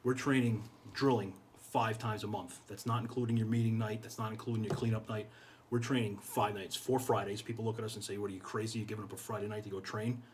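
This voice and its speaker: A middle-aged American fire chief appears as a guest in an indoor podcast studio, talking casually and earnestly and repeating phrases for emphasis. His voice is fairly low and steady, and he speaks fast. Background noise is clearly audible along with room ambience.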